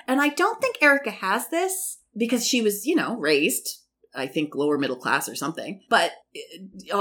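A woman's voice: lowish voice, a bit bright. A woman recapping a reality TV episode in a casual, chatty and opinionated way, swearing freely.

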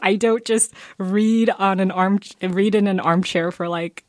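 A woman's voice: medium pitch, fairly even intonation, a little slow, a little mellow, no echo, clean studio sound. A woman from Atlanta, co-hosting a book podcast in casual chat, chatty and full of "like," laughing often. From Atlanta, Georgia, US. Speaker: podcast co-host.

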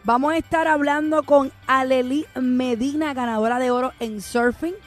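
Animated Puerto Rican radio hostess. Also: female voice, high-pitched, moderate pace. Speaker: radio show co-host. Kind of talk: casual radio chat and interview.

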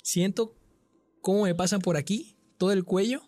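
A man with a Mexican accent and a fairly high voice recounts a frightening night in a loose, slangy storyteller's way, full of swearing. The sound is close and dry, with no room around it. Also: normal speed, no echo. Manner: frequent slang and swearing, animated retelling. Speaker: guest telling a paranormal experience. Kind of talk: casual storytelling chat.

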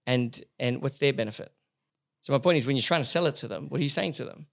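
A podcast host asking eager, quick questions in casual interview chat. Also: mid-range voice, gravelly.

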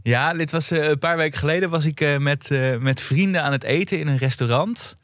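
Hesitant man, mid-pitched and dry. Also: fairly quick, fairly bright tone, dry recording. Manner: thoughtful, hesitant with many fillers. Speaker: podcast co-host. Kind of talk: casual chat.

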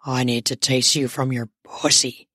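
Woman putting on a deep-voiced lusty young man. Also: little pitch movement, normal speed, a bit bright, dry recording, studio quality. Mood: lustful.

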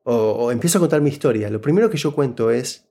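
Speaking fast in a mid-range voice, this Buenos Aires man with an Argentine Spanish accent is an interview guest. In casual, conversational storytelling, he hands out job-interview advice, animated and explanatory, and keeps checking in with his listener.

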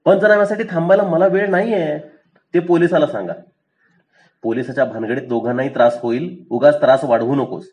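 A man's voice: on the high side, a little fast, darkish tone, lightly acted. A man voicing an impatient, irritated middle-class man trying to settle a roadside dispute. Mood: exasperated. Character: exasperated middle-class scooter rider, adult man.

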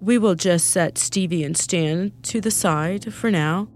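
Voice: medium pitch, measured pace, faint music behind, close to an everyday voice. A woman voicing Rio, an affectionate, playful partner, speaking tenderly within a read-aloud story. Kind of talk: storybook character reading.

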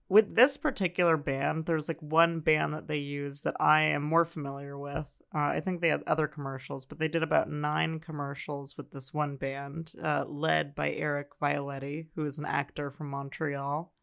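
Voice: mid-range voice, flat delivery, moderate pace, creaky, hardly any pauses, fairly bright tone, clean tone. A podcast co-host chatting casually and explaining commercials in a dry, matter-of-fact way. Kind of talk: casual chat.

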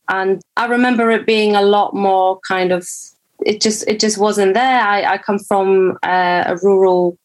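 A woman from Poland, a guest on a podcast, talking in a hesitant, reflective way with many restarts. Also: mid-range voice. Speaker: podcast guest, brand founder. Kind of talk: casual podcast conversation.

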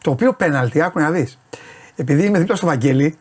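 Male host, chatty studio banter, higher voice that jumps around a lot. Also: husky. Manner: animated, mimics others in excited raised voice. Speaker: show host.

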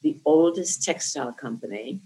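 A woman in her sixties from New Jersey, with Lithuanian as her first language, tells her life story for an oral history interview in an articulate, reflective manner. She speaks at normal speed with a low, dark voice and lively intonation. The audio is poor.

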